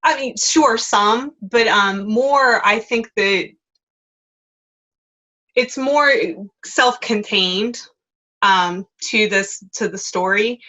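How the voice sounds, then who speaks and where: A woman's voice: mid-range voice, drawn-out words, sharp tone. A woman talking as an editor on a panel, conversational and a little hesitant, with frequent "um"s. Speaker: magazine editor and panel guest. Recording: dull lo-fi call audio.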